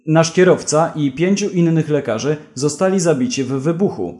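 A man's voice: a little high, normal speed, mellow, natural voice. A man voicing a firm female field doctor. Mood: urgent. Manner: firm and insistent.

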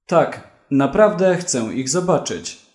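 A man's voice: a little high, expressive, slow pace, darkish tone. A man voicing a smug, self-satisfied former bank manager turned crook in a read-aloud story. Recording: roomy echo.

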